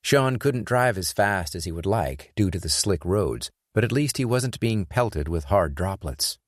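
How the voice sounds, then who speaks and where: A man narrating an action thriller audiobook in a steady, measured storytelling voice, close on a studio mic. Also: low voice, no echo. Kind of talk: scripted narration.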